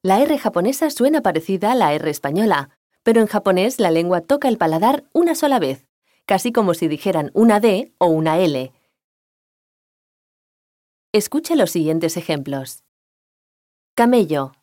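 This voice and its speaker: A woman giving a scripted language lesson, explaining pronunciation clearly and calmly. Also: mid-range voice, normal speed, pauses often, dry recording, studio quality. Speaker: language teacher.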